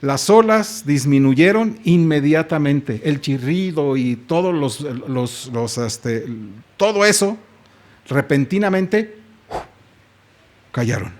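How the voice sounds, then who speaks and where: A Mexican pastor preaches in a church with a high-pitched voice. He tells the story dramatically, stopping to put questions to his listeners. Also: animated, slow pace. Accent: Mexican Spanish. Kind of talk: sermon.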